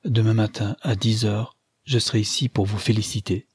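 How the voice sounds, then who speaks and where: A man reading aloud, voicing an earnest, hurried young man. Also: on the low side, steady tone, a little mellow, breathy edge, no room sound. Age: young adult.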